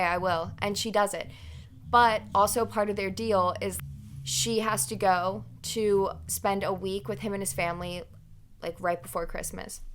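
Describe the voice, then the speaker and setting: A woman's voice: medium pitch, a bit bright, slight background noise. A young woman chatting casually in a book review, retelling things in an informal, rambling, gossipy way.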